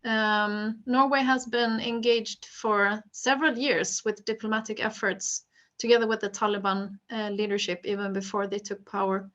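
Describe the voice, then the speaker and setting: A woman's voice: medium pitch, little pitch movement, normal speed, a bit bright. A woman moderating a panel interview, tentatively rephrasing her questions as she goes, on slightly dull audio.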